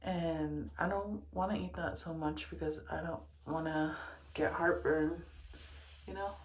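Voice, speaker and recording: A woman's voice: sits low, steady tone, unhurried. A young woman, short of breath, chatting casually to camera in a rambling way, full of fillers and restarts. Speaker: vlogger. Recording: echoey room.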